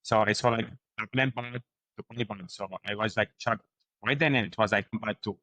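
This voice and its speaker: Young man from Syria, halting English. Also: lowish voice, fairly even intonation, pushed and bright, dry recording, low-quality recording. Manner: halting non-native English, agreeable, frequent fillers. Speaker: podcast guest. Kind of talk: casual interview chat.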